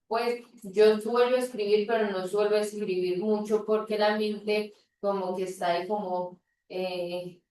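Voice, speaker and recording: A woman's voice: mid-range voice, steady tone, unhurried, a little mellow, a little hiss or hum. A woman student sharing hesitantly in a group, restarting her phrases. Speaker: yoga student. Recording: very echoey, distant from the mic, faint background ambience.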